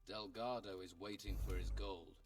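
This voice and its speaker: An actor playing a terse, unfazed adventurer in a video game, speaking in a curt, matter-of-fact way. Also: male voice, low-pitched, fairly even intonation, moderate pace, recorded from a distance. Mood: cool, blunt. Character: blunt, terse male adventurer hero, cool and unfazed.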